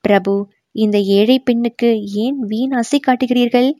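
Brief: woman reading a shy young maiden, high-set, close dry audiobook. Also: steady tone, measured pace, warm tone, no room sound, natural voice. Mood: tearful. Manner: pleading, coy. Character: young sculptor's daughter, shy and emotional.

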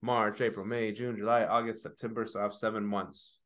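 A man in his forties, chatting casually as a podcast co-host. His voice is low and bright, and he has a forceful edge. He rambles a little and laughs often. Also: flat delivery, brisk. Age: 40s. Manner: laughs easily, hesitant, rambling. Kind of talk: casual chat.

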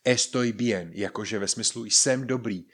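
A man teaching a Spanish lesson on a podcast, explaining casually and acting out example questions with lively emphasis. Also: lowish voice, breathy edge. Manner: casual, colloquial Czech.

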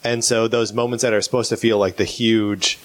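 A young man co-hosting a podcast, chatting casually about music, halting and restarting often, laughing and swearing. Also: fairly low pitch, little pitch movement. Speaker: podcast co-host.

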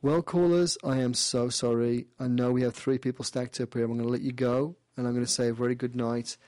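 A man hosting a call-in radio show who gives a caller a playful, animated past-life reading, often repeating and restarting his phrases. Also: medium pitch, brisk, no room sound.

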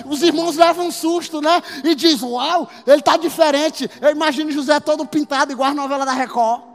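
A man preaching a sermon as pastor, emphatic and building to shouts. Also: very high voice, fairly even intonation, fairly quick. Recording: long hall reverb with faint music.

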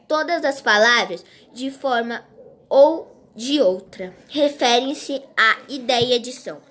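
A woman reading a grammar lesson aloud in a slow, halting way, restarting words as she goes. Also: high voice, a bit bright. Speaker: teacher.

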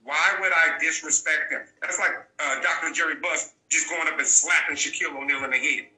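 Blunt, bright-voiced male interview guest. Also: fairly high pitch, steady tone, a little fast, roomy sound, rough recording. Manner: blunt, emphatic, repeats key points. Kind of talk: candid storytelling.

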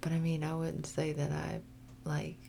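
A woman, co-hosting a casual podcast and talking softly and sleepily. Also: deep voice, completely flat delivery, moderate pace, vocal fry, slight background noise. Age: 30s. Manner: sleepy, soft-spoken. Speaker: podcast co-host.

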